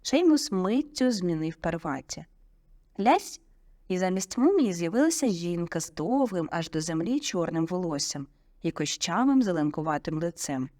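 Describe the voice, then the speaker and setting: Expressive woman reading an audiobook. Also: lowish voice, normal speed, no room sound, studio quality. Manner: expressive, vivid storytelling. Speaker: audiobook narrator. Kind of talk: audiobook narration.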